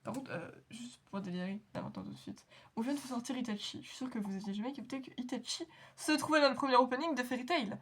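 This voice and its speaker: A woman's voice: a little high, fast, fairly bright tone, slight background noise. Chatty, giggly woman reacting to anime. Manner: chatty, rambling, giggly, self-mocking. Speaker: anime reaction channel host. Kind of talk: casual reaction chat.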